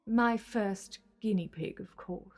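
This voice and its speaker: A woman's voice: medium pitch, takes it slowly, a little mellow. A woman playing a scheming, bitter alien villainess in a sci-fi audio drama, theatrical and taunting. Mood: cold, resigned. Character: desperate, menacing female Time Lord villain, scheming and bitter. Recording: music under the dialogue.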